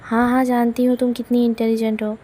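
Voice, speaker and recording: A woman's voice: fairly high pitch, level tone, a little fast, mellow, lightly acted. A woman doing Shreya, a teasing bossy cousin. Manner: mocking, teasing.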